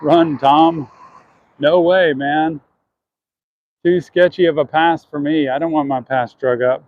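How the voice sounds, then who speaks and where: A man's voice: on the high side, fairly even intonation, slow pace, no echo, lo-fi sound. A man chatting earnestly to his viewers while walking down city streets, answering questions from chat.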